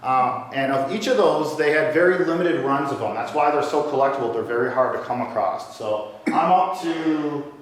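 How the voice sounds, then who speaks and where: A man's voice: medium pitch, normal speed, few pauses, far from the mic. Chatty man lecturing in an echoey room. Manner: casual, joking, chatty with the audience. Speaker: lecturer on local brewing history. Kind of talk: public lecture with audience questions. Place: lecture room with a live audience. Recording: echoey room, voice from off mic, faint hiss.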